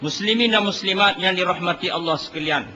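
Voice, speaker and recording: A man working as an interpreter and religious teacher, relaying a speech to a large gathering in a slow, oratorical style. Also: sits high, bright, forceful tone, dull audio, a little hiss or hum. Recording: reverberant hall.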